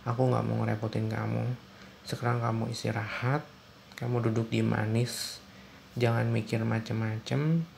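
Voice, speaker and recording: A man's voice: on the low side, little pitch movement, normal speed, vocal fry, long pauses, a little mellow, slight background noise. A young man acting out a stern, controlling husband in an ASMR role-play, talking in a lecturing, repetitive way.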